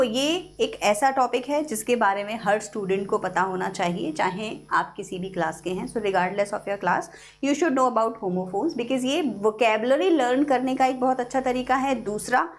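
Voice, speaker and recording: A woman teacher with an Indian English accent giving an online English lesson, explaining step by step and repeating key words for her students. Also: a little high. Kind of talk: online class lecture.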